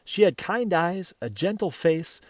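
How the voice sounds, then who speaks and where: Reading a kids' picture book with lots of expression, this man breaks off now and then for offhand comments and questions to whoever's listening. His voice sits high, and the recording is dry.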